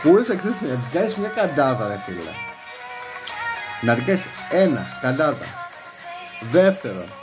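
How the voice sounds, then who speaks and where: A man's voice: mid-range voice, rough recording. A man rambling in a casual monologue, acting out quoted dialogue in raised voices. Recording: music playing behind the voice.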